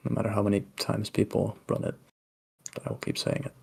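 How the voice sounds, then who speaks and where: A man with a British accent bantering casually in a gaming voice chat, laughing often and calling out quick directions. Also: on the low side, completely flat delivery, gravelly, a little mellow, husky. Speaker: gamer in group voice chat.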